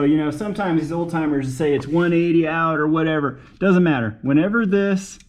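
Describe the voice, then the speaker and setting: Here a male DIY mechanic vlogger with a mid-pitched voice talks casually while working, muttering to himself and explaining to the camera in a folksy way. The sound is dull, roomy and noisy, with clicking and uneven mic distance.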